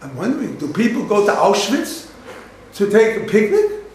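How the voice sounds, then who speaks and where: A man's voice: sits high, wildly swooping pitch, moderate pace, darkish tone, a little hiss or hum. A man, a rabbi, telling anecdotes in a lecture, repeating phrases and acting out the dialogue. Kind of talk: storytelling lecture. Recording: very echoey lecture room.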